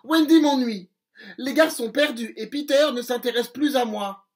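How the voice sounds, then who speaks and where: A man's voice: extremely high pitch, animated, takes it slowly, voice pushed up, heavily acted. A man doing Clochette, a jealous fairy. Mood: pleading. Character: jealous tiny female fairy, sulky and pleading.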